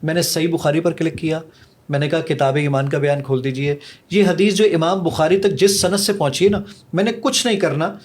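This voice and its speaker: A man's voice: high voice, a little mellow. A man who made an app, demonstrating it eagerly as a podcast guest and mixing English phrases into his speech. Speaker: app creator giving a demo.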